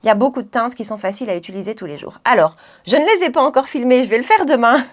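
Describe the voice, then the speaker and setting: A woman chatting through a makeup tutorial, laughing often and correcting herself as she goes. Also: high voice. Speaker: beauty vlogger.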